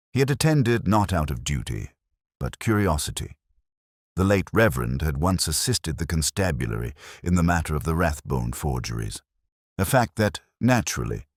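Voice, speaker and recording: Narrating a mystery audiobook, a man with an extremely low voice delivers the story in a measured, dramatic way, phrasing deliberately with a lively rise and fall. The sound is close and dry, with no echo.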